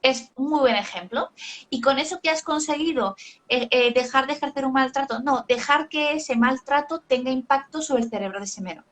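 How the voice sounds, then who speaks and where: Didactic woman, slightly high voice. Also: moderate pace, fairly bright tone. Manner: didactic, uses examples and acted quotes. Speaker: parenting author and educator. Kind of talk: explanatory talk in a live video chat. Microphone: video call.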